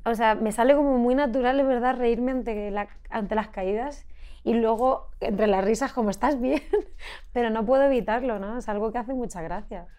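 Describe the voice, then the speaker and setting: A young woman from Spain, a singer being interviewed on a podcast, telling stories in an animated, laughing way. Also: a little high, moderate pace. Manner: animated storytelling with frequent laughter. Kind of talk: casual interview chat.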